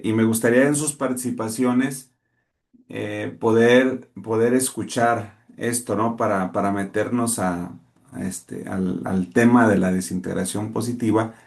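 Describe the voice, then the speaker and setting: A man, the instructor moderating an online class, speaking haltingly with many fillers. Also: fairly low pitch, creaky, darkish tone.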